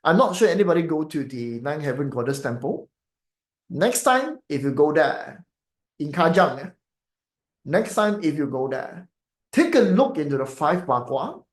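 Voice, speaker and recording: A man's voice: on the high side, very animated, moderate pace, reverberant. A Malaysian man with a Malaysian English accent, chatting casually to viewers as a feng shui teacher, rambling with many fillers and tag questions. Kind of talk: casual live-stream talk to viewers.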